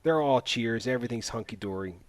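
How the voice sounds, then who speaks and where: A man's voice: medium pitch, brisk. A man hosting a casual podcast, recapping a movie's plot with sarcastic asides. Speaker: podcast host. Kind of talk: casual movie review chat.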